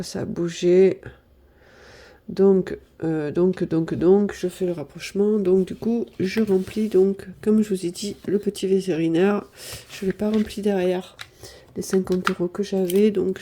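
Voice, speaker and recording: A woman's voice: fairly low pitch, dark tone. A woman from southern France with a stuffy nose from a cold, chatting casually through her budget and thinking aloud over the sums with many apologies. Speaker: budget vlogger. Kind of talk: casual budget diary chat. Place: apartment at home.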